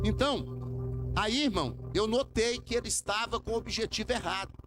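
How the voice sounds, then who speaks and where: A man preaching a sermon as pastor, speaking emphatically and calling the congregation to say amen. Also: high-pitched. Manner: emphatic, calls for amens, rising preaching lines. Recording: music playing under the sermon.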